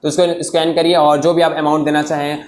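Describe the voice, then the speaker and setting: A man with a somewhat high voice teaches students in a coaching classroom. He keeps nudging them to work things out, repeats his prompts, and dictates notes slowly, word by word. His throat is sore from talking, and a light background hum runs under his voice. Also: level tone. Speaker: physics tutor.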